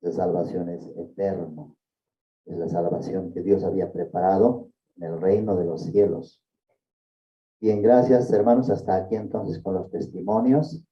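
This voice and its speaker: A man's voice: deep voice, steady tone, unhurried. A man leading a church service, thanking a speaker and formally introducing the pastor. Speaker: service leader. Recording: echoey hall from far off, dull sound.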